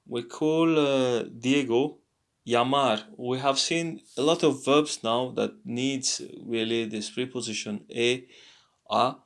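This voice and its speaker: Tired male tutor, slow and gravelly, thinks aloud with fillers and repeats; casual lesson. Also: medium pitch. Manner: halting, many fillers and repeats. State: tired, yawning. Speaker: language teacher.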